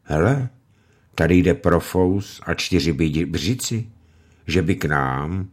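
A man's voice: sits low, expressive. A man voicing a distraught peasant wife. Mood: alarmed. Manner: pleading, sharp-tongued. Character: distraught peasant wife, middle-aged woman. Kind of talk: audiobook reading.

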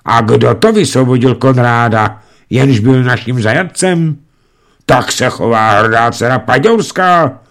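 A man's voice: mid-range voice, fairly bright tone, voice pushed up, close to an everyday voice. A man voicing a proud, melodramatic aristocratic father in a storybook reading. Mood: outraged. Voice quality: pompous, melodramatic. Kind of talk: audiobook reading.

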